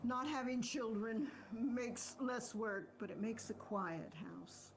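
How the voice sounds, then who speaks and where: In a stage drama, a woman acts the part of a plain-spoken country farm wife full of regret, talking in a hesitant, folksy manner. Her fairly high voice moves with lively intonation at a slow pace, and the mood is wistful. The audio is poor, with slight background noise.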